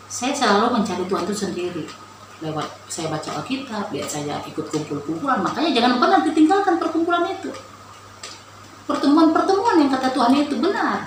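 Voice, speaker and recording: Woman telling her faith story, earnest and emotional, super echoey room, noise behind. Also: lowish voice. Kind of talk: personal faith testimony.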